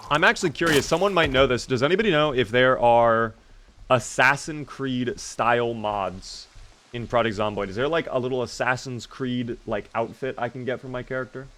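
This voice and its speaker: This gamer speaks at normal speed in a mid-range voice with a fairly bright tone. While playing on stream, he chats loosely, picking up viewer messages and replying, though his voice has lately been strained.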